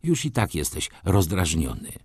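A man's voice: low voice, big pitch swings, moderate pace, a little mellow, breathy edge, dry recording, clean studio sound, exaggerated voice. A man voicing an old male clerk, dreamy yet blunt, who talks insistently. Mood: pressing. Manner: pressing, insistent.

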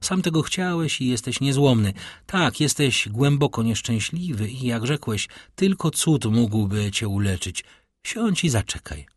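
A man voicing a noble middle-aged count who is calm, grave and tender, in a measured, solemn delivery. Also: medium pitch, dry recording, clean studio sound. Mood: earnest.

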